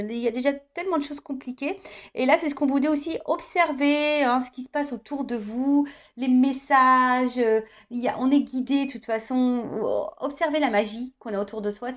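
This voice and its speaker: The audio is muffled as a woman in her thirties, a tarot reader, delivers an easygoing guidance reading. She has a fairly high voice and a chatty, joking manner, tagging phrases with "hein."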